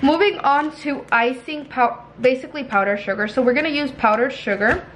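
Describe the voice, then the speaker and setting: A young woman with a high voice talks fairly quickly, casually giving home baking instructions to viewers. She's informal, chatty and unpolished, occasionally crude, in a small indoor home kitchen where the audio is clearly noisy with clicks.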